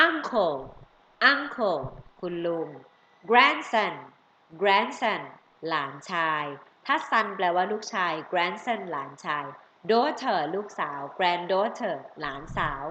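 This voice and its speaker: A woman's voice: medium pitch, sharp tone. A woman with a Thai accent teaching children English family words, coaxing them and drawing out each English word. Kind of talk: bilingual vocabulary lesson for kids. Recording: roomy, slightly dull audio with faint noise.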